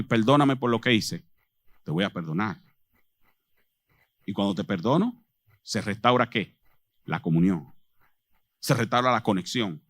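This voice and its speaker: A man's voice: lowish voice, a bit bright, no echo. A man preaching a sermon to a chapel congregation as their pastor, asking them questions as he goes. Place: chapel with a microphone. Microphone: handheld or stand microphone.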